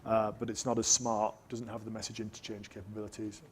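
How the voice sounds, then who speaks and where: A man's voice: lowish voice, monotone, brisk, slight background noise. A man answering audience questions as a conference presenter, direct and confident in his explanations. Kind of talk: technical Q&A answers.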